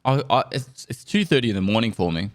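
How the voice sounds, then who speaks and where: Fighting a cold, this man sounds stuffy as he chats loosely on a live stream, thanking subscribers in a relaxed, meandering way. His voice sits fairly low and he talks quickly.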